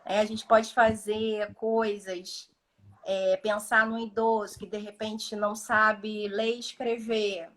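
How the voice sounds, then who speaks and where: A woman's voice: medium pitch, flat delivery, slow, a bit bright. Woman therapist talking thru exercises on a live video chat, slips into little acted dialogues. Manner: explanatory, acts out little dialogues with patients. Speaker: speech therapist guest. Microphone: video call.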